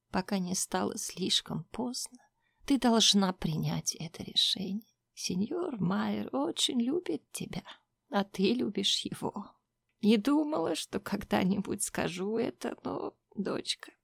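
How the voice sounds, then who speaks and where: A woman voicing a grieving older mother in an audiobook, speaking slowly in hushed, often whispered pleas. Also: medium pitch, creaky, breathy edge, no room sound, studio quality, full character voice. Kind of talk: audiobook reading.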